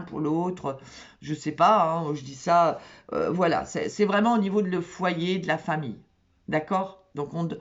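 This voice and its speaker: A woman's voice: lowish voice, muffled recording. A woman giving a casual tarot reading for zodiac signs, chatty and repetitive, often checking in with her listeners. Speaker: tarot card reader.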